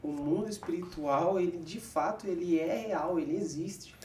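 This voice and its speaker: A man's voice: a little high, moderate pace, a little mellow, slight background noise. A man hosting a podcast, chatting casually and affirming what his guest says. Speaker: podcast host. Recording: roomy, distant from the mic.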